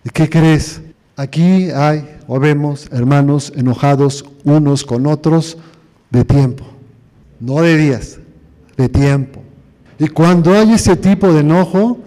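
A man's voice: a little high, mellow. A man preaching a sermon, telling stories and asking the congregation questions. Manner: storytelling, asks the congregation questions. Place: church hall. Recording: long reverb of a church hall.

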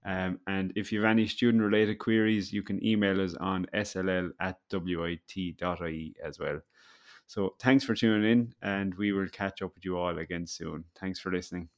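A man hosting a casual college podcast, chatting in a relaxed way with plenty of fillers. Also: low-pitched, normal speed. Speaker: podcast host.

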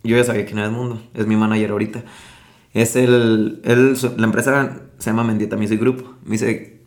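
Slangy young Mexican musician telling stories. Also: male voice, on the low side, fairly quick. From Mexico, Michoacán. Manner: slangy, animated, acts out quoted dialogue. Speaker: guest musician. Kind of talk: casual storytelling interview.

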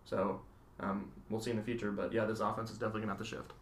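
A man's voice: lowish voice, flat delivery, rapid-fire, slight background noise. A man on a sports podcast giving opinionated, casual analysis, repeating himself as he reasons.

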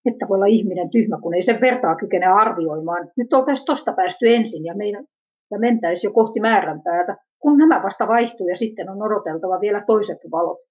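Woman, husky mid-range voice, reads a searching first-person narrative; muffled low-fidelity sound. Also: animated, darkish tone. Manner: introspective, self-questioning. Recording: dull lo-fi recording.

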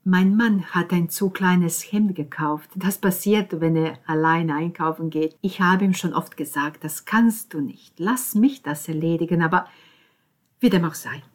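Audiobook: woman narrator doing flustered neighbor lady, eager, breathy, rushed. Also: lowish voice. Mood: flustered, pleading. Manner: breathless, quick and pleading. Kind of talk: audiobook character voice.

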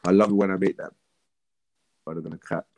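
A man's voice: low voice, fairly even intonation, brisk, vocal fry, noisy background. A man with a London roadman accent chatting casually as a podcast guest, using slangy street talk. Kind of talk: casual chat.

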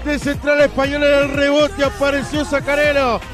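A man with a Uruguayan accent giving breakneck, excited football commentary with emphatic, shouted, drawn-out goal calls. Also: very high-pitched. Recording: radio broadcast with music and crowd.

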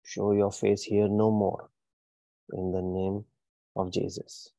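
A man's voice: lowish voice, little pitch movement, slow pace, vocal fry, mellow, dry recording. A man leading a fiery deliverance prayer, issuing commanding declarations in bursts. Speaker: prayer leader.

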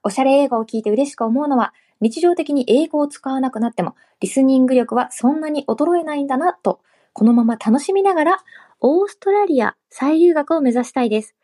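A woman's voice: high-pitched, brisk, dark tone. Polite woman reading listener comments. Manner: polite, reads comments aloud. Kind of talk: casual podcast chat.

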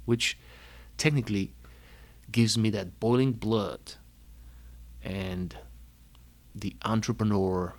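A young man from Bulgaria with a Bulgarian accent, telling his life story in an emphatic, energetic way and listing words one by one. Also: fairly low pitch, slow, pauses often. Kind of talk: personal talk.

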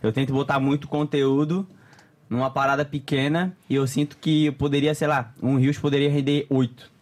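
A man's voice: medium pitch, moderate pace. A young man, chatting casually as a podcast guest, full of slang and frequent laughter. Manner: slangy, laughs often, animated storytelling.

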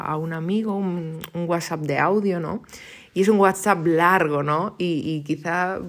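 A young woman from Spain hosting a casual, unscripted podcast, rambling warmly and tagging sentences with little questions. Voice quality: low, gravelly voice. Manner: chatty, rambling, frequent "¿no?" tags and giggles. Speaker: podcast host and tech YouTuber.

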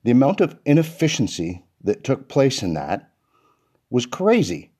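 A man's voice: medium pitch, sing-song, unhurried, darkish tone, husky. A man hosting a solo podcast, talking casually and earnestly, a little out of breath after a workout. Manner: earnest, reflective. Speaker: podcast host.

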